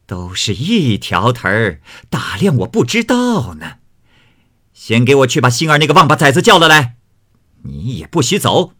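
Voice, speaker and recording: Xifeng, a man voicing a sneering noblewoman. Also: on the low side. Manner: cold scornful sneering, scolding in outbursts. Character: sharp domineering young noblewoman, mistress of the house.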